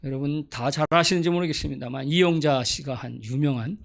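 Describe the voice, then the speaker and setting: Gravelly middle-aged male pastor preaching. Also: on the high side, a little fast. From Gyeonggi Province, South Korea. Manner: humorous, folksy storytelling with acted-out dialect quotes. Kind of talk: Sunday sermon.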